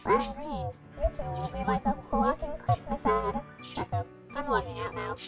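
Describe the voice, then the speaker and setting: This amateur fan fiction reading comes from a woman with a high voice who keeps a moderate pace. She performs the messages lively as she reads, over background music.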